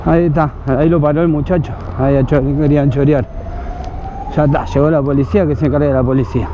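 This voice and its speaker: Argentine man on a noisy motorcycle cam. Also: high voice. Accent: Rioplatense Spanish. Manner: urgent, shouting commands in the street. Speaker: motovlogger. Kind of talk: helmet-cam motorcycle vlog. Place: city street outdoors, riding a motorcycle. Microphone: helmet camera mic. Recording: muffled, with loud traffic noise.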